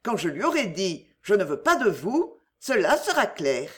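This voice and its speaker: A woman's voice: on the high side, very animated, measured pace, a bit bright. A woman reading as a fiery young woman in love. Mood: pleading, indignant. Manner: vehement, pleading. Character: passionate young woman defying an arranged marriage.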